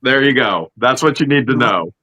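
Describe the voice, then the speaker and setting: A middle-aged man with a bright, forceful voice at a mid pitch. He chats casually and makes wry jokes. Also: lively intonation, normal speed, muffled recording. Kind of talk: casual chat.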